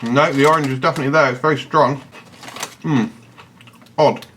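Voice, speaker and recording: Picky blunt guy reviewing snacks, chatty, average pitch, noisy background. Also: steady tone, moderate pace, a bit bright. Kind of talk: casual product review chat. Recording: noticeable background noise.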